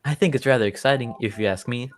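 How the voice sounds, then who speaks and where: An actor playing a genial, chivalrous older English gentleman doctor with hearty old-fashioned politeness in a radio drama. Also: medium pitch, fast talker, lightly acted.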